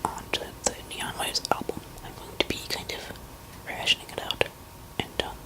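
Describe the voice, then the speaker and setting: A woman rambling hesitantly in a barely audible, unvoiced ASMR whisper, pausing mid-thought. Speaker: musician talking to listeners.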